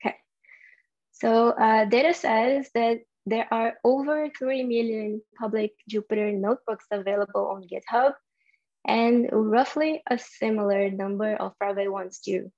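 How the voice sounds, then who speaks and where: A young Brazilian software developer gives a conference tech talk in a Brazilian Portuguese accent, explaining with frequent ums and uhs. Her voice is fairly high, steady, and darkish, delivered at a measured pace. The recording sounds lo-fi.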